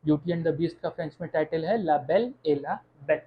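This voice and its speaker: Teacher slowly spelling out French sounds. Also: medium pitch, highs cut off. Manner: slow, repeats words, says "okay" often. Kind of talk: online language lesson.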